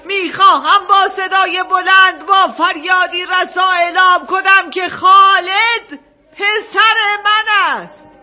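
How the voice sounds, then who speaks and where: A high, bright, impassioned mother. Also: heavily acted. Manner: impassioned, swings between shouting and weeping. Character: distraught mother reclaiming her lost son. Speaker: Salima, a woman in a dispute. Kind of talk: radio drama acting.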